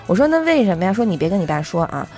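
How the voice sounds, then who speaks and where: A woman's voice: fairly low pitch, big pitch swings, racing, darkish tone, faint music behind. A woman, chatting casually on a podcast and telling a funny family anecdote, acting out the quoted lines. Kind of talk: casual chat.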